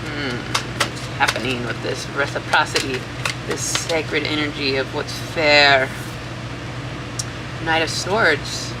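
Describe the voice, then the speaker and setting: Tarot channel host, medium-pitched, unhurried and rambling, loose informal language, noticeable fan whir behind the voice. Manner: informal, sweary, halting, thinking aloud. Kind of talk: casual rambling tarot reading. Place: room with a fan running. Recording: steady fan noise throughout.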